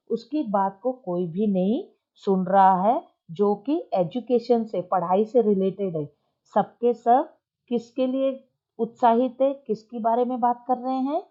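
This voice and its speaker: A woman teacher explaining a story lesson, asking questions and answering them herself. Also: mid-range voice. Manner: asks questions and answers them herself, reads English lines slowly. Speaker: English teacher. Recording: dull lo-fi recording.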